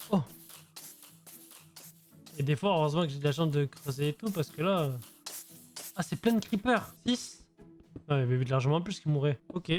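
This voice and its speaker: A man's voice: on the high side, a little mellow. A young man giving casual, slangy gameplay commentary, thinking aloud as he goes. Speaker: gaming video creator. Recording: voice over music.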